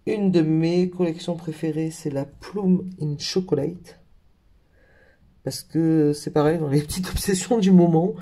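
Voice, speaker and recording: A man's voice: fairly high pitch, steady tone, a little slow, dark tone. A man in a casual craft haul video, talking in a hesitant way with lots of fillers and self-corrections. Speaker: craft vlogger.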